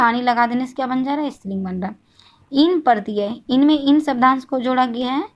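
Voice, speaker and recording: A woman's voice: fairly high pitch, dull audio. A woman teaching a grammar lesson, explaining step by step and answering her own questions. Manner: often says "thik hai" to check understanding.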